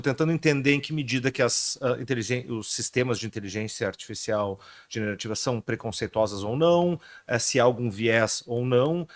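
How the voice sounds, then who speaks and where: Hesitant Brazilian man on a panel. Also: mid-range voice. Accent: Brazilian Portuguese. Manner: hesitant, many fillers and restarts. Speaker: lawyer, panelist. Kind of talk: panel talk.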